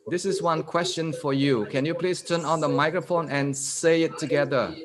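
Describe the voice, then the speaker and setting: A male guest lecturer giving an interactive online lecture over a video call. He quizzes his audience and reads statements out slowly, repeating them. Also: a little high, fairly even intonation, a crowd in the background.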